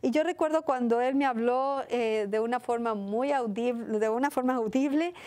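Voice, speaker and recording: A woman with a Mexican accent preaches in a fairly high voice. She talks earnestly, tells her own story and often checks in with her listeners through rhetorical questions. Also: normal speed, a little mellow. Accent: Mexican Spanish. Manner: earnest, personal testimony with frequent rhetorical questions. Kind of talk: sermon.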